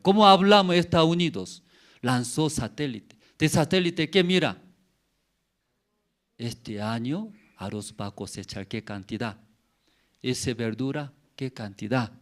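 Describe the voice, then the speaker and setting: A middle-aged man with a Korean accent preaching a sermon in simple, broken phrasing, checking in with frequent rhetorical questions and "mm?" tags. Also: mid-range voice. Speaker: pastor.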